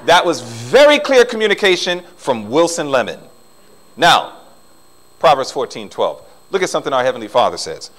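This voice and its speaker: A middle-aged man preaching a sermon in a church, swinging between loud emphasis and soft asides. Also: mid-range voice, big pitch swings, moderate pace, poor audio. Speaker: pastor. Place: church sanctuary.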